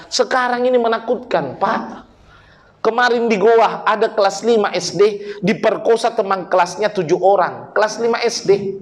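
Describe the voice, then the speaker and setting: A man giving a humorous sermon, blunt and joking, talking straight to the men in his audience. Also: high-pitched. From Makassar, South Sulawesi. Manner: blunt, joking, addresses the men in the crowd directly. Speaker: preacher.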